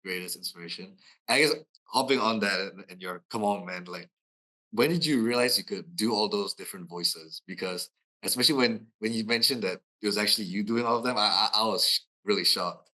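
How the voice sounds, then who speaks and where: Bright-voiced male interviewer. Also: on the low side, brisk, low-quality recording. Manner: affirming, curious interviewer. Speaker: podcast host. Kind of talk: casual interview chat.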